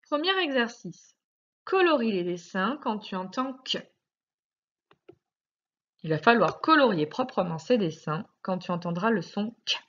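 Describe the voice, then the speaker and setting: A French woman teacher talks a young child through a phonics worksheet, drawing out each word with lively, bouncing pitch. Her pace is slow and deliberate, and the recording sounds a little dull and lo-fi. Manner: slow, clearly articulated, sing-song emphasis on words. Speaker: primary school teacher.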